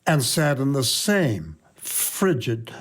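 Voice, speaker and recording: A man's voice: medium pitch, big pitch swings, slow pace. An older man reading his own personal essay aloud in a wry, reflective storytelling manner. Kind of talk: scripted personal narration.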